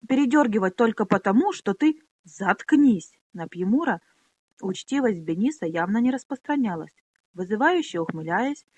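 Animated woman audiobook narrator. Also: medium pitch, slightly rough, no room sound. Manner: expressive, animated.

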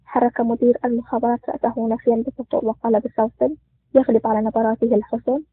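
Fast-reading man on a tinny line. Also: extremely high pitch, level tone, husky, no echo. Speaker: audiobook narrator. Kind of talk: spoken story reading. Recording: tinny phone-like lo-fi audio.

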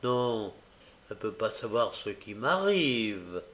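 A man's voice: lowish voice, sing-song, slow, full character voice. A man voicing a weak, feverish young boy in a read-aloud novel, speaking faintly and wistfully. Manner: faint, wistful, soft-spoken. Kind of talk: audiobook character reading.

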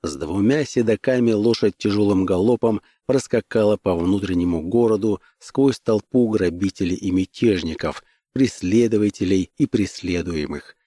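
An audiobook narrator, male, reads a scripted adventure story in a steady, measured storytelling style. His voice sits on the low side, and the studio-quality recording is dry.

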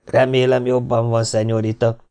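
A man reading an audiobook voices a cruel, mocking male bandit leader who speaks in a slow, self-assured, taunting way. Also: mid-range voice, flat delivery, warm tone, clean tone, natural voice.

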